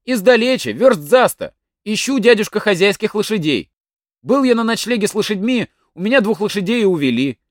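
A man's voice: high-pitched, very animated, a little fast, no room sound, studio quality, voice pushed up. A man voicing a sly young village lad in a folk tale, bold and cheeky.

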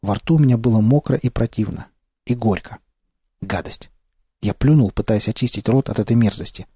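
Male narrator for a first-person audiobook, steady and low-key, husky timbre, dry close sound. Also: a little fast, dry recording.

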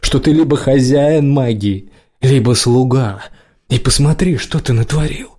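A man voicing a hoarse young male magician, captive and pleading in pain. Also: lowish voice, takes it slowly, darkish tone. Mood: desperate pleading. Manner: desperate, pleading.

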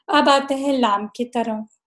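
A woman with a slightly high voice teaches Quran recitation rules in a recorded lesson. She explains patiently and stretches each recited example slowly. Now and then she mixes English words into her teaching. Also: a bit bright.

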